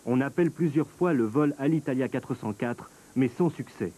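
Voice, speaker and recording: A man narrating a documentary in a measured, scripted, explanatory way. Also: medium pitch, dark tone, rough recording.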